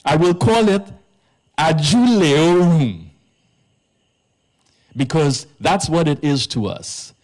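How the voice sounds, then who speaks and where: A man's voice: on the high side, animated, takes it slowly, pauses often, darkish tone. A man from Trinidad, a priest giving an earnest public lecture at a live event in an arts centre, stressing his key words.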